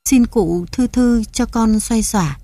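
A man's voice: very high voice, slow, mellow, no echo, voice pushed up, full character voice. A woman voicing a humble pleading father. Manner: pleading and deferential. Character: poor, humble, frightened father in debt.

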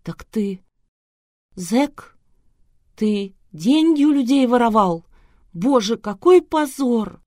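A woman's voice: a little high, moderate pace, hardly any pauses, dark tone, no room sound, clean studio sound, pitched above the performer's own voice, close to an everyday voice. A woman voicing a hysterical, furious bride who shrieks at everyone, in an audiobook.

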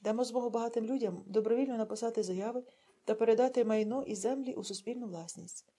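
A woman reads as a zealous male secret-police officer, hoarse from shouting and full of fervent speechmaking. The voice is husky and mellow and sits fairly high. It carries the weight of a storybook read aloud. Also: fast talker, lightly acted. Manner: fiery speechmaking, rising to shouts.

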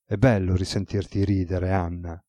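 A weary, ironic male god with a relaxed, teasing way of speaking, voiced by a man reading a novel aloud. The voice sits low and mellow. The recording is close and dry. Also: normal speed, dry recording, muffled recording, lightly acted. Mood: calm.

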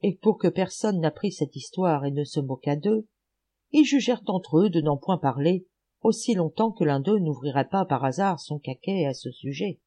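A woman's voice: sits low, normal speed. Woman reading a fairy tale aloud. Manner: animated, expressive reading. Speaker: audiobook reader. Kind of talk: storybook narration.

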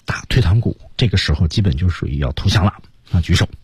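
A man co-hosting a radio English lesson, explaining pronunciation and reading example sentences aloud slowly. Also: sits low, expressive, darkish tone, slightly rough, no room sound, studio quality. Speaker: English teacher, radio co-host.

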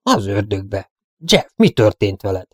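Give me a man doing a gruff middle-aged sheriff, plain and direct, in an audiobook. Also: on the low side, very animated, dry recording, clean studio sound.

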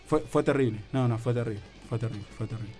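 A young adult man with an Argentine Rioplatense accent, telling a comic story on a radio comedy show, excitable and slangy, acting out other people's lines. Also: mid-range voice, fast talker, over loud music. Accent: Argentine Rioplatense Spanish.

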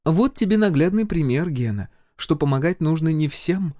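A man voicing a sarcastic, unflappable middle-aged woman healer in an audiobook, mocking and drawn-out. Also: fairly high pitch, lively intonation, dark tone, no echo, clean studio sound, pitched above the performer's own voice, lightly acted.

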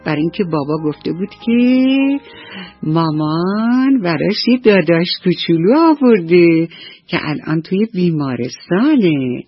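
A woman storyteller narrating a children's bedtime story on the radio in an expressive, storytelling manner. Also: lowish voice, husky, no echo, soft background music. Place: radio studio. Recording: dull dry old radio recording.

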